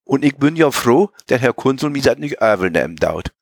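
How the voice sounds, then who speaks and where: A man voicing a young dock worker, stubborn yet timid, speaking meekly with a Low German accent in a raised voice. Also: sing-song, fairly quick, gravelly, no room sound, studio quality.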